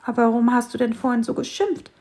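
Kindly little talking fir tree, gentle, a bit high; woman narrator. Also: quick pace, close to an everyday voice. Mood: friendly. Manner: gentle, teasing. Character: small kind wise fir tree.

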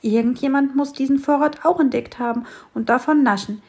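Fussy little storybook sparrow, scolding, high; woman reads it. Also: fairly quick, darkish tone. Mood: chatty. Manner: scolding, fretful. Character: small grumpy excitable sparrow.

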